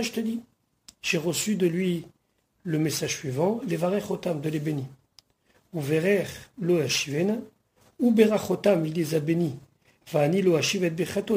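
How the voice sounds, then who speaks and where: A man's voice: sits high, a little mellow. A man teaching the weekly Torah portion. He reads Hebrew phrases, then patiently translates and explains them, dwelling on grammar points. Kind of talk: verse-by-verse Torah study lesson.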